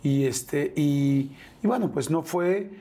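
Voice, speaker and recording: A man interviewing a guest, speaking in a gentle, reflective way with fillers. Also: on the high side, slow pace. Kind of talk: conversational interview.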